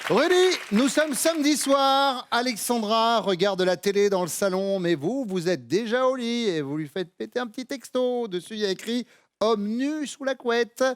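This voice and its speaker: A man's voice: high voice, a faint crowd, a little hiss or hum. A man hosting a TV game show in a studio, playful and teasing. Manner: playful, teasing, quick to laugh.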